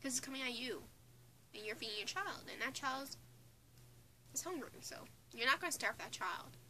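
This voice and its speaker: Using a nearby phone or webcam, a young Newfoundland woman of eighteen with a Newfoundland English accent records a casual opinion vlog under the bunk bed in her small bedroom indoors. She giggles and restarts as she rambles, her high voice expressive and sharp at a normal speed. The audio is rough, with slight background noise.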